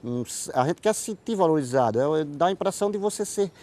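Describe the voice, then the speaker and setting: Speaking fast with lively intonation, a man whose voice is a little high and darkish in tone answers interview questions in a Northeastern Brazilian accent. The guest, a writer and playwright from Paraíba, explains conversationally and repeats words while groping for phrasing.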